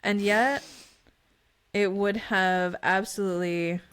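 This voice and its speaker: A woman's voice: mid-range voice, fairly even intonation, slow pace, fairly bright tone, clean tone. A woman co-hosting a podcast in casual chat, talking into a microphone, often trailing off mid-sentence and laughing. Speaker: podcast co-host.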